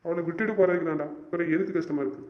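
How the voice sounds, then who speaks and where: A man's voice: on the high side, very fast, lightly acted. A young man playing a stubborn young man who is hurt and fed up with his girlfriend, and who talks in an insistent, exasperated way and repeats himself. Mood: frustrated. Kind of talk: amateur web drama acting. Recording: dull lo-fi recording.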